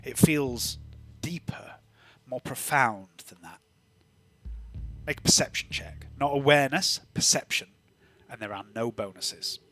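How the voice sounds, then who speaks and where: A man running a tabletop game as game master, narrating in measured, dramatic phrases with deliberate repetition. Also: medium pitch, bright, forceful tone. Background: faint music.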